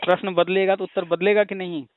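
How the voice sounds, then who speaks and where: Over a tinny phone line with slight background noise, a teacher hosting a call-in discussion explains a topic at length in a casual way. His voice is high, level in tone and fast, and he lectures patiently using rhetorical questions and examples.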